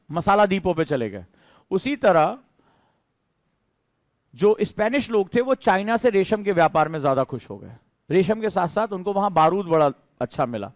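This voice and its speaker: A man's voice: high voice, dry recording. A man teaching a history class in a conversational lecture style, asking his students questions as he explains.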